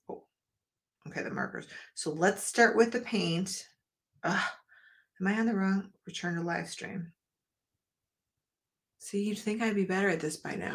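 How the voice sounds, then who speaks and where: On a live art stream from her home studio, a middle-aged woman chats casually and rambles, speaking right to her viewers. Her voice is fairly low in pitch with a fairly bright tone, and she's losing it a little.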